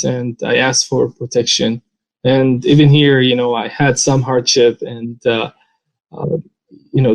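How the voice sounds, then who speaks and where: A native Arabic speaker from Saudi Arabia, with a Saudi Arabian accent, tells his personal story earnestly in an interview, his speech broken by frequent "uh" pauses. His voice is mid-range with vocal fry, and the recording is rough.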